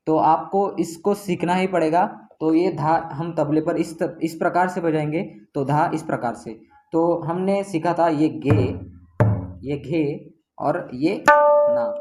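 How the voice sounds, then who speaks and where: A man's voice: on the high side, a little mellow. A man teaching tabla step by step, patiently repeating each stroke name as he demonstrates it. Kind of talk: step-by-step music lesson. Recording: tabla strokes played between speech.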